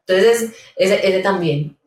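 A woman, a pedagogue guest giving calm, step-by-step parenting advice in conversation. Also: mid-range voice, takes it slowly. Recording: roomy sound, mic at a distance.

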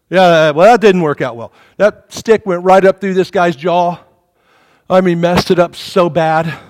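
A male pastor preaching a sermon, telling stories with acted-out voices and jokes in a church. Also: high-pitched. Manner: animated storytelling, acts out voices, jokey. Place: church sanctuary. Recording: reverberant hall.

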